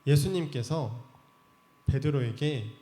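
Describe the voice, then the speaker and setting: Animated man preaching in an echoey church. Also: medium pitch, takes it slowly. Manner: animated retelling that acts out the characters' voices, chatty. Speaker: youth pastor. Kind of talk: storytelling sermon for teens.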